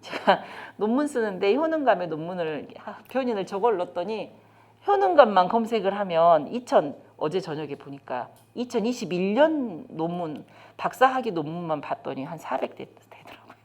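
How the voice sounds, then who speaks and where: Here a middle-aged woman from South Korea, at a moderate pace and mid-range pitch, delivers a caregiver training lecture on child development. Set in a lecture room, her manner is lively as she questions the audience directly.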